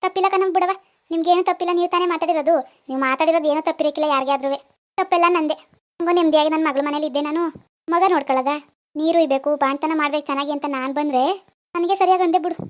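Woman voicing a cartoon grandmother, old, sarcastic, grumbling, rural Kannada village dialect, high voice, rapid-fire. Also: fairly even intonation, close to an everyday voice. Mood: huffy. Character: scolding, easily offended old grandmother. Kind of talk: cartoon voice acting.

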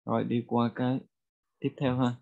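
A man with a Vietnamese accent teaching a bilingual vocabulary lesson, repeating each phrase slowly for learners. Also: medium pitch, flat delivery, vocal fry, narrow, tinny audio. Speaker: language teacher.

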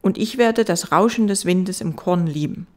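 A woman voicing a gentle, wise fox in an audiobook, earnest and patient as it explains. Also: lowish voice, moderate pace, close to an everyday voice.

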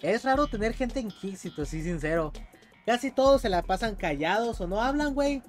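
A young man with a Mexican accent, streaming a game live and commenting in an excitable, swearing, casual way. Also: high voice, moderate pace, faint music behind. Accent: Mexican Spanish. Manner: excitable, swears a lot, yells when stuck.

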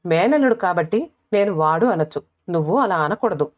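A woman narrator voicing a fond middle-aged mother who fusses and gently scolds her grown daughter. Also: fairly low pitch, animated, a little fast, close to an everyday voice. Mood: scolding. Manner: gentle, fussing, scolding softly. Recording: tinny phone-like audio.

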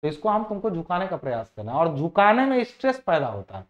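Captured in dull lo-fi audio, a male engineering lecturer talks fast in a slightly high, sing-song voice. His chatty class is full of repeated phrases, questions for the students, and English technical terms dropped into his sentences.

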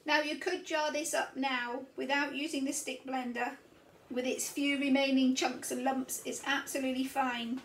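A woman's voice: sits high, little pitch movement, moderate pace, a little hiss or hum. A woman in her fifties chatting cheerfully as she shows each step of cooking in her home kitchen. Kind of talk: casual kitchen demonstration. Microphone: camera mic at a distance. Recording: roomy kitchen sound, mic a little far off.

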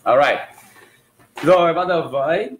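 A man teaching English on a livestream, slowly drawing out words so viewers can repeat the pronunciation. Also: on the high side, slight background noise. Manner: slow, drawn-out words for drilling pronunciation. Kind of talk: livestream language lesson. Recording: echoey room.

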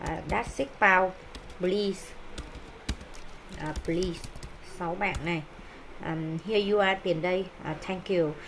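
A woman teacher walks through textbook exercises in a fairly low voice. She hesitates often and fills her pauses. Faint background noise sits under her voice. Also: steady tone. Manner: hesitant, many pauses and fillers. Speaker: English teacher.

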